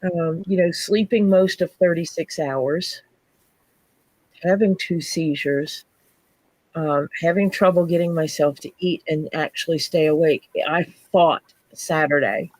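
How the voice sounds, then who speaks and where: Sick and scratchy-voiced, a woman chats casually on her livestream, pausing mid-story to say hello to viewers by name. Her voice is low and darkish, at a measured pace, with no echo.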